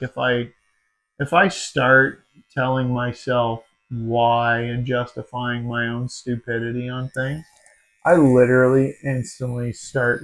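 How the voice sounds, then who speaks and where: The recording is low quality, and the speaker is a podcast host in his forties with a mid-range voice. He tells stories in a lively, casual way, swears a lot and says "dude" constantly.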